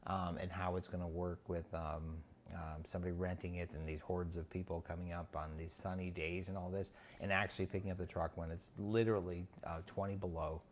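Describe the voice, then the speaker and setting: A man from North Dakota who works in community relations, speaking in a documentary interview with a halting delivery and many pauses. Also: low voice, little pitch movement, slight background noise. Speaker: city community relations officer.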